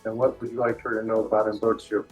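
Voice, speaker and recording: A man's voice: fairly low pitch, little pitch movement, quick pace, soft background music. Hesitant male lawyer, courtroom recording. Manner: hesitant, many ums and uhs. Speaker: defense lawyer. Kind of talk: courtroom questioning. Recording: dull lo-fi courtroom audio.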